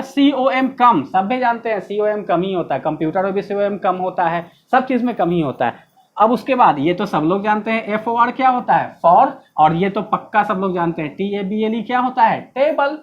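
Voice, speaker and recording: An Indian-accented woman gives a pronunciation lesson at a mid pitch, spelling words out and saying them over and over. The recording is a little dull and lo-fi. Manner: explanatory, spells words letter by letter and repeats them. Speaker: English pronunciation teacher. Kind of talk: classroom lesson.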